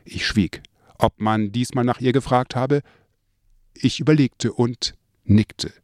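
A man reading his memoir aloud in a mid-range voice, recorded dry and close with no room sound. His telling is lively, and his voice rises for the remembered lines. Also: mid-range voice, slow pace, no room sound. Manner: lively storytelling, quoted lines in a raised voice. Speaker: narrator.

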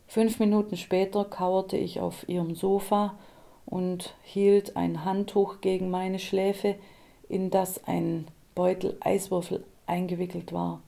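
A woman narrating an audiobook in a calm, measured way. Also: lowish voice, gravelly.

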